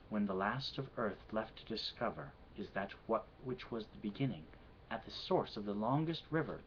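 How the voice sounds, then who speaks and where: Speaking with a Midwestern accent in a lowish voice, this vlogger takes on an accent challenge, giving casual answers before a slow poetry reading. He is soft-spoken and measured, hesitating with "um"s. It's a quiet, dull lo-fi home recording with a bit of background noise.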